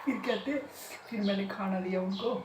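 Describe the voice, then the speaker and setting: A woman's voice: medium pitch, normal speed. A woman telling a story in a casual home vlog, chatty and often laughing. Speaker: vlogger. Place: home kitchen. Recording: echoey, distant, noisy home recording.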